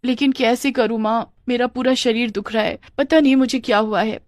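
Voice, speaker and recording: A woman's voice: on the high side, steady tone, a little fast, no room sound, studio quality, voice pushed up, close to an everyday voice. A woman doing a whiny, scheming young wife.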